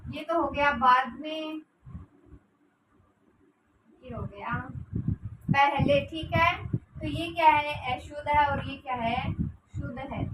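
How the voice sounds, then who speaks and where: High-voiced woman teaching in an echoey room. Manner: asks rhetorical questions and answers them; dictates notes to students. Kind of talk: grammar lesson. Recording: roomy echo, distant mic, noisy.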